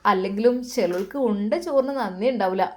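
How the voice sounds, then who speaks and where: A woman voicing a sly, scheming young woman in a high, chirpy, needling voice. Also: brisk, mellow, natural voice.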